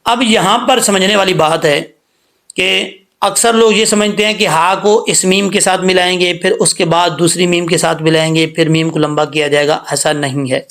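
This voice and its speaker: A man teaching Quran recitation rules, spelling words letter by letter and chanting verses slowly, often checking that listeners follow. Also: high-pitched, steady tone, gravelly, fairly bright tone. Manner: slow, drawn-out chanting when reciting, patient explaining; checks understanding with repeated questions.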